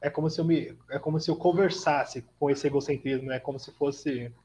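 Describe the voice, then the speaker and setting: A man's voice: a little high, fairly quick. A man on a podcast telling a recovery story in casual conversation, acting out the dialogue and often adding tag questions. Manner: animated, acts out quoted dialogue, frequent tag questions. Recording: dull lo-fi audio with faint noise.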